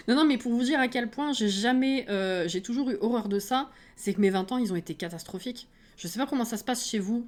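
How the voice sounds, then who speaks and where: A woman with a French accent, streaming live and chatting casually with her viewers, self-mocking and quick to laugh. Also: fairly high pitch.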